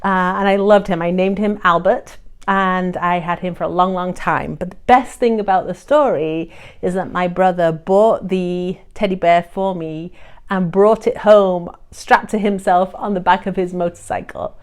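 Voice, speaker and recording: A woman's voice: fairly low pitch, steady tone, normal speed, smooth. A woman telling a family holiday memory in a plain, reflective way. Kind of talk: casual storytelling to family.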